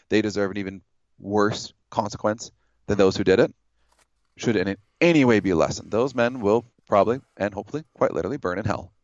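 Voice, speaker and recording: A man debating religion in a measured, explanatory way, building his case with hypothetical examples. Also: on the low side, no room sound, lo-fi sound.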